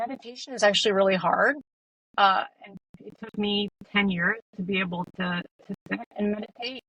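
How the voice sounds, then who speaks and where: A woman speaking as a guest in a casual interview, reflective and soft-spoken, with many fillers. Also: mid-range voice, creaky, slightly rough, low-quality recording. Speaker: guest, meditation teacher.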